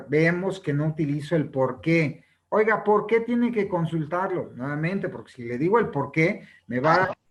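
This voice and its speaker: A man's voice: fairly high pitch, rough recording. A man explaining a sales book in a lesson. He keeps tagging his phrases with a questioning "no?" and acts out sample questions with different intonations. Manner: ends many phrases with a questioning "¿no?" tag. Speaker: presenter reviewing a sales book.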